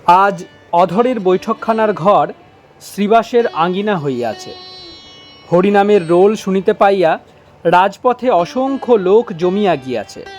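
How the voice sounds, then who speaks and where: Man narrator, high voice, unhurried devotional reading, soft guitar underneath. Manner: slow, measured recitation. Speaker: reader.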